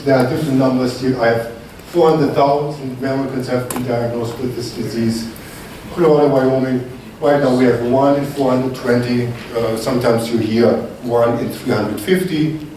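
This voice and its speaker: A German research scientist with a strong accent and a medium-pitched, darkish voice gives a conference lecture, repeatedly checking in with the audience by asking "okay?". He's recorded on a distant mic in an echoey conference hall with slight background noise.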